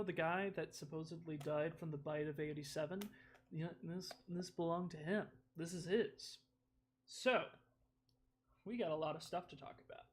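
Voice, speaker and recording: A high-voiced man chatting on a live stream, bubbling with excitement and rambling between thoughts. He breaks off to address viewers, then reads passages aloud in the same eager tone. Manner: excitable, rambling, talks to chat. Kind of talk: casual live-stream chat and reading aloud.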